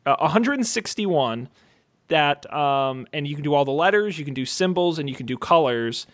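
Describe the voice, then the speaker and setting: A man co-hosting a casual podcast, talking informally and enthusiastically, as if pitching gadgets to friends. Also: animated, normal speed. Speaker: podcast co-host.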